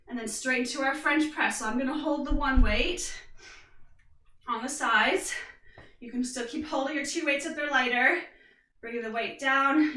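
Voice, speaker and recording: A woman fitness instructor giving steady, upbeat coaching cues through a guided workout. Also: high-pitched. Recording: echoey room, mic from far off.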